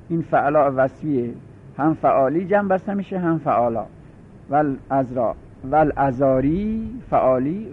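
Tinny, phone-like audio with a faint rumble captures a male teacher in a grammar lecture. He works methodically, going over word patterns again and spelling them out.

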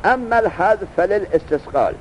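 A man's voice: sits high, animated, slight background noise, rough recording. A man teaching a grammar lesson, explaining step by step and asking his students questions.

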